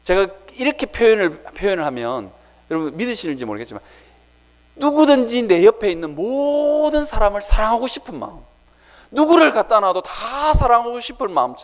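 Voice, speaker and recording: A man preaching a sermon in a church sanctuary, telling his story in an animated way and acting out his own prayers. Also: extremely high pitch, fairly quick. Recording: reverberant church hall.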